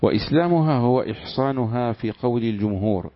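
A man's voice: mid-range voice, brisk. A man reading a classical religious commentary aloud to his teacher, answering with short amens between passages. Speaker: student reading the text aloud. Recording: dull lo-fi recording.

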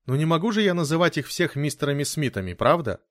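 A man voicing a young woman maid, nosy, indignant, high-pitched, audiobook, dry sound. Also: big pitch swings, fast, dry recording.

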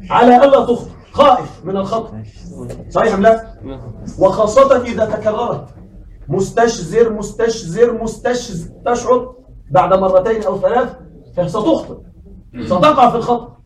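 A man teaching a classroom lesson. He keeps asking his students questions and says words slowly, over and over. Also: high voice, roomy sound, distant mic, slight background noise, poor audio.

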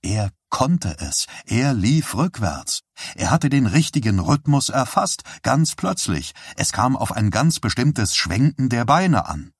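A man reading an audiobook aloud in calm, measured scripted narration. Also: medium pitch, husky, no room sound, clean studio sound. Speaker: audiobook reader.

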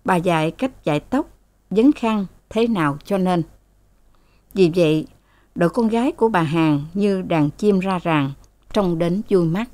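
A woman narrating a novel as an audiobook, in a measured storytelling manner. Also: lowish voice, a little mellow, dry recording.

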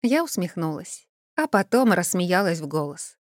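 Woman reading a fantasy novel out loud, lively, dry close studio sound. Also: fairly low pitch, moderate pace, no room sound. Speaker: audiobook reader. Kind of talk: first-person fantasy audiobook narration.

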